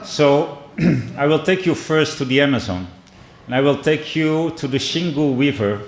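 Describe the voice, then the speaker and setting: A middle-aged man from the Netherlands with a Dutch and Brazilian accent, giving a measured keynote speech and telling stories, often pausing and restarting. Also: fairly high pitch. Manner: measured, with frequent restarts and pauses. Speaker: keynote speaker. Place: indoor conference hall. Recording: echoey hall.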